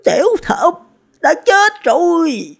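A man doing a shrill old sorceress woman. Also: wildly swooping pitch, moderate pace, dark tone, full character voice. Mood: urgent.

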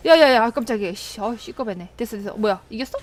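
High, animated young woman streaming a game. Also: quick pace. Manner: excitable, shrieks and laughs when startled. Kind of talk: live gameplay commentary.

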